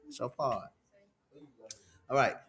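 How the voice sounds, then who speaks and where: A man leading a choir rehearsal, giving relaxed, folksy directions and singing each part in falsetto to show the pitch. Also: takes it slowly. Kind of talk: casual choir rehearsal instruction. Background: piano accompaniment.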